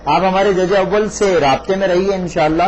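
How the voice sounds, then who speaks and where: A man's voice: sits high, steady tone, lo-fi sound. A man presenting a live devotional call-in show in a formal, courteous way, full of praise. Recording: noisy live broadcast sound.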